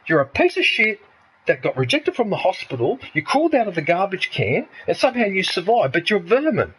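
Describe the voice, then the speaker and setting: A man's voice: high-pitched, sing-song, fairly quick, fairly bright tone, a little hiss or hum, poor audio. A man in his fifties from Australia, ranting angrily and swearing heavily in a casual chat. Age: 50s. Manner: heated, swearing, repetitive ranting. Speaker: streamer.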